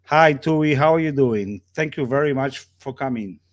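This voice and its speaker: A man's voice: mid-range voice, moderate pace. A man hosting a casual sports talk show, chatty and joking with his guests. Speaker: show host.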